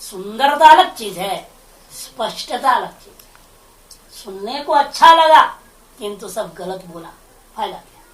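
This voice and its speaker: Pausing often and speaking a little slowly, a woman with an animated, higher-than-average voice gives a scripture lecture as a spiritual teacher. She goes through the Sanskrit line by line with rhetorical questions, and the room echoes, the mic set well back.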